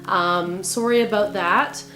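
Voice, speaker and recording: A woman with a raspy, growly voice from being sick, chatting casually and rambling a bit in a vlog about her writing. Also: medium pitch, slow, bright, forceful tone, reverberant, faint music behind. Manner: chatty, rambling, self-correcting. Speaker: author and vlogger.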